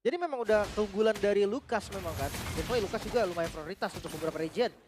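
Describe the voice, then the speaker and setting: A man's voice: high voice, quick pace, background noise. A man giving analytical live esports commentary, dropping in English phrases. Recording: music behind the voice. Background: music.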